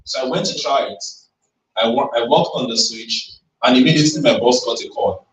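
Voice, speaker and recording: A man's voice: mid-range voice, fairly quick, far from the mic, a little hiss or hum. Man giving a rallying talk in a roomy hall. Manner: emphatic, rallying, uses audience call-and-response. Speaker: speaker at a tech event. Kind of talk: motivational talk. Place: event hall.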